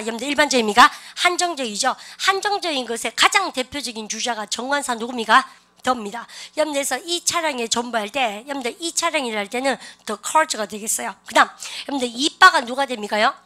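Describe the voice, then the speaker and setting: Bright-voiced woman teaching English grammar. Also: high-pitched. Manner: animated, coaxing students to repeat aloud. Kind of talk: online grammar lecture.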